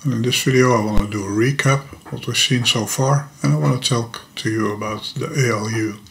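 An older man, a native Dutch speaker with a Dutch accent, patiently and methodically explains a computer topic in a screen-recorded programming tutorial from his desk in a home workshop room full of electronics, sometimes stumbling over a word. He's a hobbyist teacher with a mid-range, steady, fairly bright voice, fairly quick pace, and vocal fry.

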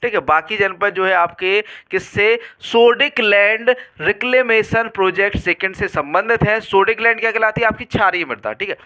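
A man's voice: sits high, moderate pace, few pauses, bright, forceful tone. A man teaching an exam-prep lesson, quizzing students and repeating each question and answer back to them.

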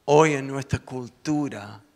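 A man's voice: medium pitch, slow, vocal fry, long reverb tail. A male pastor telling a story in a church sermon, acting out the voices as he goes. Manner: lively storytelling, acts out the voices. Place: church sanctuary.

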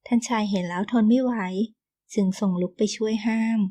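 A woman narrating an audio novel in an even, expressive storytelling manner. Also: fairly high pitch, a little fast, no room sound.

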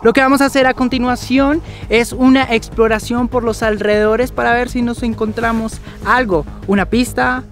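A man with a Colombian Spanish accent hosting a scripted comedy vlog skit in a theatrical, dramatic announcer manner. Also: extremely high pitch. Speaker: YouTuber host leading a skit. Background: background music.

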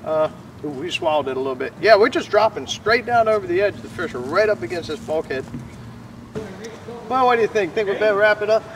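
Recorded by a camera several metres off, with loud music over the distant outdoor audio, a middle-aged fishing vlog host chats casually and folksily from a waterfront pier and bench. His voice is high, brisk and lively in intonation, with slight background noise.

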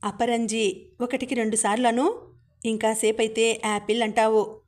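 A woman voicing a cocky young college guy in a storybook, ribbing his buddies in a level, even voice. The tone stays flat rather than showy, as he scolds and teases, her own reading voice barely changed. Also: on the high side, unhurried, close to an everyday voice. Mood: teasing. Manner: bantering, scolding his friends. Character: teasing young male college student.

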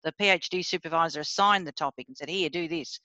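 A fast-talking middle-aged professor from Sri Lanka, with a low, sharp voice, leads a seminar via video call. Her style is blunt and chatty, addressing her listeners directly in an informal academic talk. The audio is dull, with no echo.

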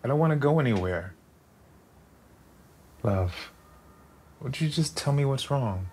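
A man's voice: mid-range voice, lively intonation, measured pace, darkish tone, close to an everyday voice. An actor playing a flustered young man who stammers and pleads with his sulking girlfriend, in naturalistic film dialogue. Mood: pleading. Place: living room of a home. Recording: roomy room echo, faint background hum.

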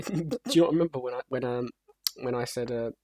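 A young man chatting casually with a friend while gaming, with a husky voice and dry, rambling humor. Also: medium pitch, fairly quick, warm tone, dry recording. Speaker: co-host.

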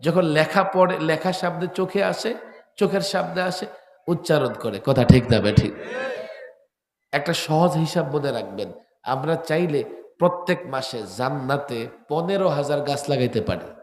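A man, delivering an outdoor sermon beside a road through a PA microphone, questioning the crowd and bursting into shouts. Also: on the high side, normal speed. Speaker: preacher. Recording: echoey PA sound in a reverberant space.

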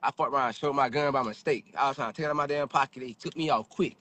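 A man's voice: mid-range voice, rapid-fire. A young man chatting loosely into his phone outdoors by a car, rambling and cursing casually. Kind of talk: casual livestream chat. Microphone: phone camera. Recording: played-back phone video with street noise.

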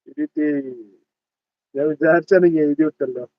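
Greeting viewers by name and teasing them, a thirties-aged livestream host with a Malabar Malayalam accent chats casually while reading comments. His pitch is fairly high and his pace moderate, and the sound is lo-fi, dull and completely dry.

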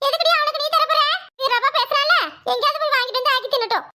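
Woman doing a complaining older mother-in-law, cartoon, bright piercing voice, fast. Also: very high-pitched, a little hiss or hum, voice pushed up, full character voice. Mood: scolding. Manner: scolding, complaining. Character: grumbling older village mother-in-law, sharp-tongued. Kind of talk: cartoon voice acting.

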